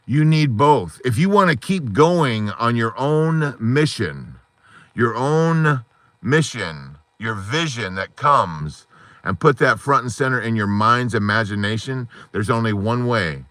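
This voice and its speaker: Sitting in a parked car at night, a man hosts a support group live stream on his phone, delivering a fervent, rambling pep talk packed with metaphors. His voice is hoarse, fairly low, and a bit bright, with no echo.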